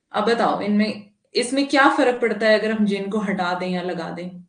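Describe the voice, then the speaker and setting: A woman's voice: medium pitch, roomy sound. A woman teacher talking to students in a live online class, indignant and emphatic, with frequent tag questions. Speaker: online Hindi exam teacher.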